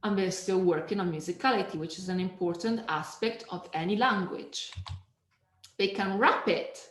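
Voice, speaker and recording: A woman teacher trainer giving an online teaching webinar, lively and demonstrative, sometimes singing or humming examples. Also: mid-range voice, normal speed, roomy sound, slight background noise, rough recording.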